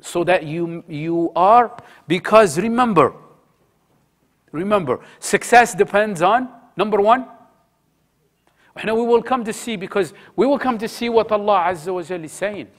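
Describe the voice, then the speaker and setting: A man with a fairly high voice leads a religious study circle. He talks conversationally, often asks his listeners questions and repeats key phrases for emphasis. He mixes Arabic words into his speech. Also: normal speed. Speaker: halaqa teacher.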